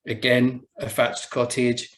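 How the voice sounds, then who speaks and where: A man from England with an Essex accent, a buildings officer giving a measured, explanatory webinar presentation with small restarts. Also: mid-range voice, completely flat delivery, a bit bright.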